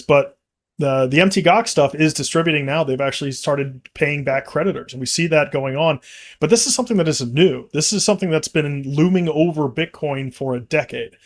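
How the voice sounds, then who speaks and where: A man co-hosting a casual market discussion, talking in long rambling runs full of restarts and fillers. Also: medium pitch. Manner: rambling, frequent restarts and fillers, laughs easily. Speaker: company executive co-host.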